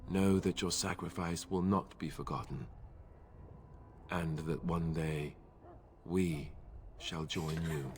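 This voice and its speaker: A man's voice: low-pitched, fairly even intonation, slow pace, long pauses, a little hiss or hum. A man playing a somber, earnest warrior in a fantasy video game, speaking with reverent, ceremonial gravity. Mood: solemn, reverent. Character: somber, earnest male warrior reciting a rite.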